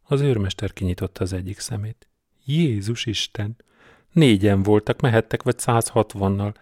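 A man narrating an audiobook in a measured, deadpan storytelling manner. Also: on the low side, no echo, studio quality. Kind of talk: scripted narration.

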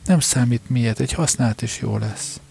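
A man's voice: mid-range voice, gravelly, darkish tone, natural voice. A man reading the part of a stubborn, eager teenage son who insists on getting his way in an audiobook. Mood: insistent.

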